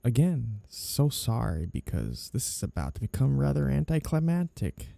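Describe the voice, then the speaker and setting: In a scripted roleplay audio drama, a man plays a flirtatious, double-dealing, smug mafia boss, teasing and theatrically stretching out his phrases in a gravelly voice. His mid-range voice is mellow, with big pitch swings at a moderate pace, no room sound, and a smug, amused mood.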